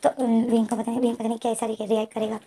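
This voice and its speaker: A woman's voice: on the high side, completely flat delivery, very fast, dark tone, breathy edge. A woman with a Hindi accent casually retelling a fan fiction story, voicing both characters' lines herself and talking directly to her listeners.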